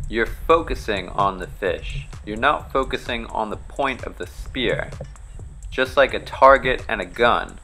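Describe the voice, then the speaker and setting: A young man from the Bahamas, a charter fishing captain, calmly explaining spearfishing technique step by step in a voice-over. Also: on the low side. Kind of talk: instructional voice-over.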